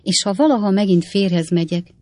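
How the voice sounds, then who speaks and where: A reader voicing an excitable widowed woman innkeeper in an audiobook, loud and theatrical. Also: medium pitch, dry recording, pitched above the performer's own voice, natural voice. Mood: coy, indignant. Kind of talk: audiobook reading.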